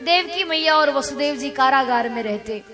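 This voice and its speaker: A woman telling a devotional story with dramatic, animated narration. Her voice is very high and bright. Faint instrumental music plays behind her. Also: normal speed.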